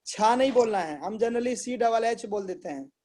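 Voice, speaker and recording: A man's voice: high voice, animated, normal speed, darkish tone, a little hiss or hum. A man teaching Sanskrit pronunciation in an online class, patiently repeating sounds and checking that his students follow.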